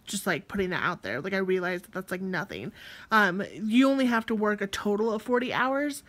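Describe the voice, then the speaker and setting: A woman's voice: medium pitch, a little fast, fairly bright tone. Rambling young woman vlogging casually. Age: young adult. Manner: rambling, self-correcting, lots of fillers. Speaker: college theatre student vlogger. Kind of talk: casual vlog chat.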